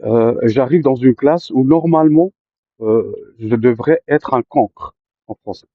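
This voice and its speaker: A man telling his own life story to listeners, often pausing with fillers and restarting his sentences. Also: mid-range voice, no echo, phone-quality sound. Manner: hesitant, many fillers and restarts. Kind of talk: personal storytelling to camera.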